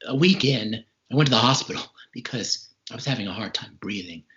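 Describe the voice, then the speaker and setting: A man in his forties, recovering from a serious respiratory illness, sounds slightly breathless as he recounts his experience as an interview guest. His mid-range voice is a bit bright and a little fast. The call audio is dull, muffled and lo-fi.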